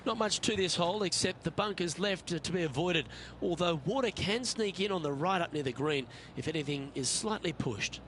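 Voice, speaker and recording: A man's voice: sits high, normal speed, slight background noise. A man speaking as a golf commentator, giving play-by-play as the lead announcer of a tournament broadcast. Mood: composed. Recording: loud crowd and outdoor ambience behind.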